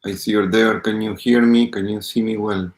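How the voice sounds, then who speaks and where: A man leading a live-streamed guided meditation as its teacher, speaking calmly and unhurriedly and greeting viewers by name. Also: fairly low pitch, moderate pace. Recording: roomy echo.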